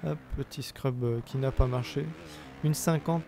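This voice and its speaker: A man's voice: mid-range voice, fairly even intonation, a little slow, background noise. A young man with a sore throat giving chatty, hesitant commentary on his own gameplay. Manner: chatty, hesitant, bursts of playful cheering. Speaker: let's play gamer. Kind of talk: casual game commentary.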